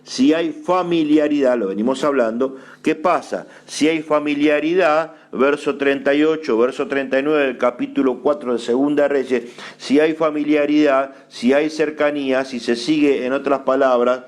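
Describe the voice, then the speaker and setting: A man's voice: medium pitch, fairly even intonation, normal speed. A man with an Argentine Spanish accent, an apostle preaching a sermon, asking rhetorical questions, answering them himself and repeating phrases for emphasis.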